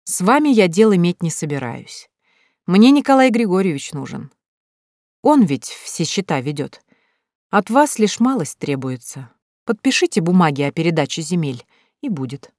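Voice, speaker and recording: A woman voicing a haughty, contemptuous middle-aged landowning lady who speaks in a sharp, scornful way. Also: on the low side, animated, moderate pace, dry recording, clean studio sound, lightly acted.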